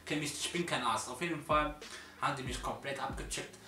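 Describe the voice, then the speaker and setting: Ein junger Mann erzählt als Vlogger aufgewühlt und in lockerem Slang, wie er angegriffen wurde, und zitiert dabei die Angreifer. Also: male voice, medium pitch, a little fast, bright, forceful tone, recorded from a distance. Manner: agitated slangy retelling, quoting his attackers. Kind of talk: casual storytelling. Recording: roomy, off-mic, with music behind.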